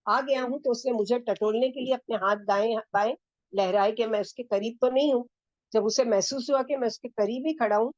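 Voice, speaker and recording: A woman's voice: on the high side, no room sound. A woman Islamic teacher with a Pakistani Urdu accent, telling a first-person moral story as a lecture and stopping now and then to ask her listeners questions. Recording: dull, dry lo-fi recording.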